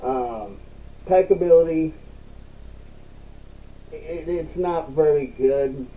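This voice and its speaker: Casting: male reviewer, very mellow dark tone, unhurried halting delivery, mic a bit far off. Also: fairly high pitch, a little hiss or hum. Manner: halting, repeats himself. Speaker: product reviewer. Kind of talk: casual, unscripted online review.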